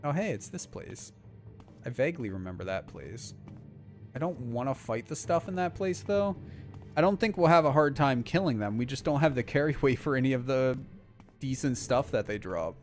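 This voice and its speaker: A young man talking loosely to his stream audience while he plays. His voice sits at an ordinary middle pitch, and his chat drifts and wanders with plenty of filler. Soft game music plays quietly behind him. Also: normal speed. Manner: rambling and relaxed, heavy on filler words. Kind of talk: casual live-stream chat while playing.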